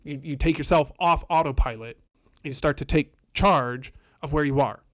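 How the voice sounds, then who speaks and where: A man's voice: a little high, normal speed. A man hosting a self-help podcast, talking earnestly and repeating himself as he acts out his inner self-talk. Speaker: podcast host.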